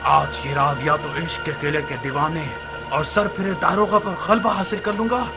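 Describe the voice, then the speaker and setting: A man plays a scheming young nobleman with a slightly high, smooth voice, mocking and sure of himself. He drawls his taunts calmly over swelling dramatic music. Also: moderate pace, close to an everyday voice. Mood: defiant. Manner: taunting, smooth and self-assured. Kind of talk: dubbed historical drama.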